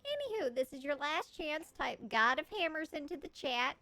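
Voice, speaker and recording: Very high-voiced bubbly woman host. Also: lively intonation, normal speed, pushed and bright, no room sound. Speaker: stream host. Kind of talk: casual live stream chat.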